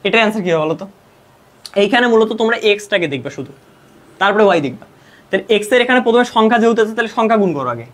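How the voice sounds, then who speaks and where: Animated and racing, a young man's high, slightly bright voice drives an online math lesson. This Bangladeshi Bengali-accented tutor explains step by step, answers his own questions, and mixes English math terms into his Bengali.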